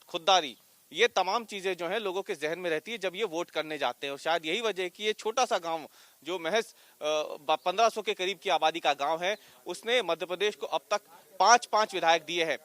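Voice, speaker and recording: A man reporting on location from a village, questioning locals for a news piece. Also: high-pitched. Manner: questioning villagers, energetic delivery. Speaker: field reporter. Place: outdoors in a village.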